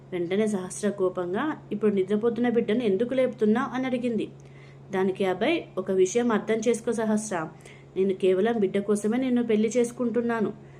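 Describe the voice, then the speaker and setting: A woman narrating a storybook in a steady, even reading voice, giving the dialogue only light expression. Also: medium pitch, slight background noise.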